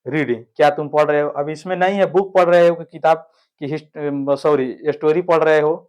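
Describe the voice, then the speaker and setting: Guy teaching an online grammar class, slightly high voice, keeps asking ok?. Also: fairly even intonation, moderate pace, darkish tone, smooth. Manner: explains step by step, keeps checking with "ठीक है".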